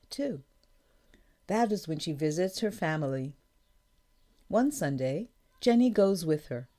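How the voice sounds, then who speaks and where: A woman reading a storybook for learners aloud, slowly and carefully, announcing each page. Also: low voice, mellow. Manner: slow, careful, clear reading. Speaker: audiobook narrator. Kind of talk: scripted narration of a graded reader.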